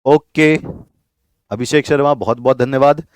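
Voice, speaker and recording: A man's voice: mid-range voice, a little slow, clear, resonant tone, dry recording. A man teaching a live online chemistry class, explaining patiently, repeating key points and asking his students to reply.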